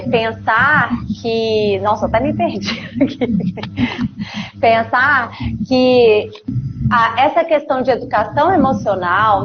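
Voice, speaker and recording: A Brazilian psychologist in her thirties chatting casually on a video call, slow and reassuring with many tag questions. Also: a little high. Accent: Brazilian Portuguese. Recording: lo-fi video call audio with background noise.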